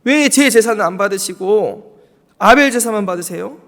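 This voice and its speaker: A man's voice: high-pitched, lively intonation, moderate pace, a bit bright, long reverb tail. A pastor voicing a jealous, angry young man who pours out his rage to God, agitated and pleading. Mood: upset pleading. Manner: agitated, pouring out feelings.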